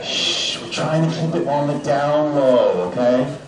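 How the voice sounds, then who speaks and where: A man speaking at a convention question panel, joking and chatty with many filler sounds, his voice coming through a loudspeaker system with fuzz distortion from clipping. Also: fairly high pitch, unhurried, very noisy. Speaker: voice actor answering fan questions. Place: large convention hall with an audience. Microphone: handheld mic into the house speaker system. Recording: echoey hall through loudspeakers, from far off, with crowd.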